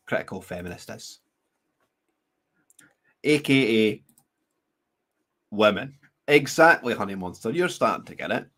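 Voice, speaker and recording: A man hosts his own show, reading articles aloud and interrupting himself with sneering asides. He laughs often and stumbles through restarts as he riffs, in a medium-pitched voice. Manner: halting, many restarts while reading. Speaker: show host. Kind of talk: reading news aloud with commentary.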